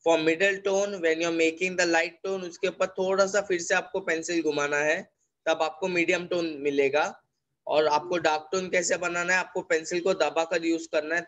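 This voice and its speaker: A man's voice: fairly high pitch, fairly bright tone. A man with an Indian accent teaching an online drawing class, explaining step by step and repeating himself, switching between English and Hindi. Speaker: art teacher.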